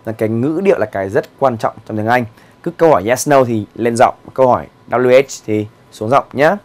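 A man teaching English on a televised lesson, drilling questions slowly and repeating each sentence word by word. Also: medium pitch, darkish tone. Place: TV studio classroom.

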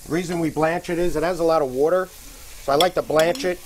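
A middle-aged man, a restaurant chef, explaining a cooking demonstration step by step in a relaxed way with many fillers. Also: on the high side, a little fast, slight background noise. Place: TV studio kitchen by a sizzling stove.

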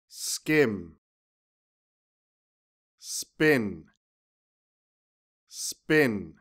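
A young Canadian man with a Canadian accent and a mid-range voice teaches pronunciation in a scripted lesson. He enunciates carefully and says each practice word twice.

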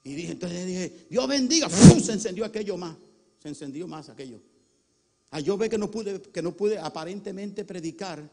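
A male pastor preaching a Pentecostal sermon, moving between quiet storytelling and shouted fervor, often calling out to the congregation. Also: sits high, normal speed, vocal fry. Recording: long hall reverb.

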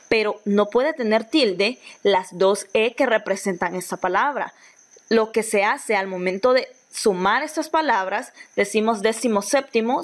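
A Honduran woman teacher giving a recorded grammar lesson, patient, often repeating and restarting phrases as she explains. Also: mid-range voice. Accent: Honduran Spanish.

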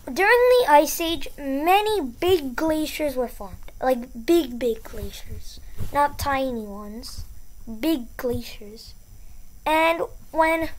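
A woman runs her own educational channel, explaining a topic casually and encouragingly while repeating key words for emphasis. Her voice sits high.

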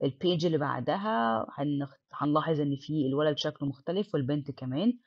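A woman's voice: deep voice, fairly quick, slightly rough, no room sound. Egyptian woman teacher, dry dull sound. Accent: Egyptian Arabic. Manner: mixes English words into Arabic explanation. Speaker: English teacher. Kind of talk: explaining a textbook lesson.

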